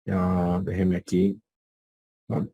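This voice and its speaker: Man, Greek teacher, low husky voice, dry close sound, patient and repetitive, quizzes the class, video call. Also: monotone, drawn-out words, dark tone, no echo, dull audio. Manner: patient, repeats key words, asks the class questions. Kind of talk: live online class.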